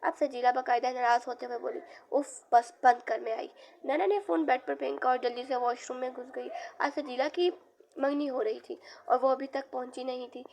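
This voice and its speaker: High, gravelly-voiced woman reading a romance novel. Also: steady tone, a little fast, a little mellow, slight background noise. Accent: Urdu. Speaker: audiobook narrator. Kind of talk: romance novel narration with dialogue.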